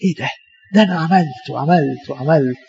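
Man doing a boastful proud man, Egyptian accent, quick bragging, slightly muffled recording. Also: on the high side, vocal fry, darkish tone. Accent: Egyptian Arabic.

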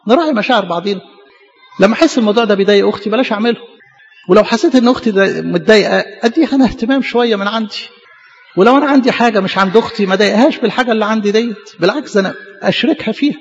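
Egyptian priest sermon: high gravelly voice, earnest and repetitive, dull recording with long hall reverb. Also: male voice. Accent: Egyptian Arabic. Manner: earnest, repeats phrases for emphasis.

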